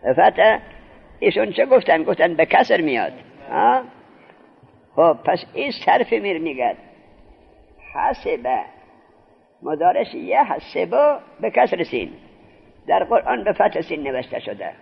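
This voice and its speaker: A man's voice: sits high, sing-song, creaky, husky. A man teaching a grammar lesson, putting questions to his listeners and then answering them himself, drawing out key terms. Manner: drawn-out, stressed key terms. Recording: dull lo-fi recording.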